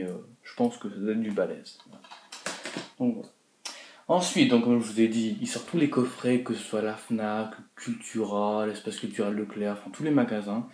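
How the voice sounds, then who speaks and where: A man's voice: fairly low pitch, a little mellow. Young man, casual vlog chat, rambling with fillers, roomy echo, faint hiss. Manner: rambling, full of "voilà" and "donc euh" fillers, chuckling asides. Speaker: horror film collector vlogger. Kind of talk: casual haul video chat. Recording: echoey room with faint noise.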